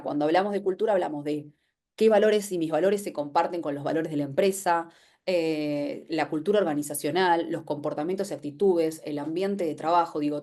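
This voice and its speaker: A woman with an Argentine accent presents an informal explanatory webinar, speaking conversationally, asking rhetorical questions and acting out imagined quotes. Her voice is fairly low in pitch and a little mellow.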